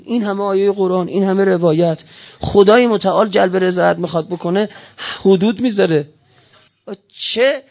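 A man's voice: sits high, darkish tone, muffled recording. A man giving an impassioned speech, firing off heated rhetorical questions one after another. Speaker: speaker giving a political talk.

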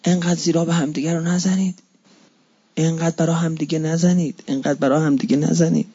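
A man's voice: flat delivery, warm tone, breathy edge. Impassioned male preacher, lo-fi recording. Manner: impassioned, swings from low murmurs to high exclamations; repeats phrases for emphasis, recites Arabic hadith slowly. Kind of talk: religious sermon. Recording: dull lo-fi recording.

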